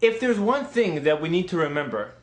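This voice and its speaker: A man's voice: fairly high pitch, a little fast. A young man hosting a playful comedy sketch of tips. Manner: playful, lively delivery. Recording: echoey room.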